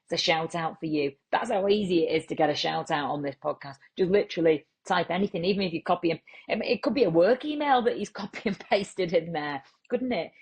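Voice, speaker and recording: A woman with a Lancashire accent hosting a comic podcast, rambling through absurd deadpan asides and calling listeners treasure. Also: on the low side, brisk, slightly rough. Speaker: podcast host.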